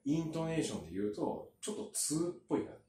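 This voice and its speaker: Slightly high and sing-song, this man's voice drifts through drawn-out casual storytelling packed with fillers and side remarks. Background noise is present, and the sound is roomy and distant.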